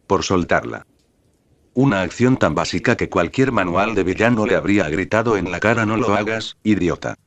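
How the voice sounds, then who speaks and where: A man's voice: deep voice, dry recording. A man reading fan fiction aloud in a scripted, sardonic narration.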